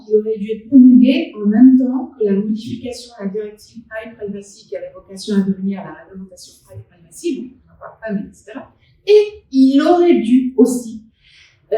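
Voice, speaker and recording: A woman's voice: fairly high pitch, mellow, far from the mic. Woman panelist in an echoey hall. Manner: hesitant, many restarts and fillers, emphatic. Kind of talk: conference round-table discussion. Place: conference hall at a live event. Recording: very echoey hall, recorded from afar.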